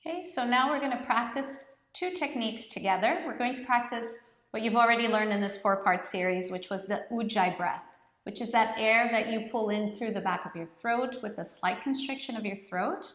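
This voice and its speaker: A woman's voice: a little high, normal speed, a bit bright. A woman giving a conversational, step-by-step lesson in meditative breath counting, as an encouraging yoga breathing teacher. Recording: roomy, echoing space.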